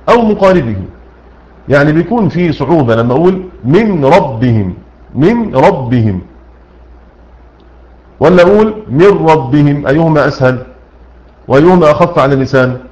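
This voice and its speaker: A man's voice: fairly high pitch, low-quality recording. A man with an Egyptian accent teaching Quran recitation rules, explaining a poem line by line, asking questions and answering them himself. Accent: Egyptian Arabic. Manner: asks questions and answers them himself, repeats key words, recites slowly.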